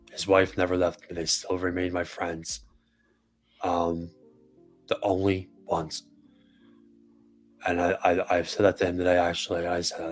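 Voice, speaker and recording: Deep, flat-voiced man podcasting. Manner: earnest, emotional, swears casually. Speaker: podcast co-host. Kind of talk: casual heartfelt podcast talk. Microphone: podcast microphone.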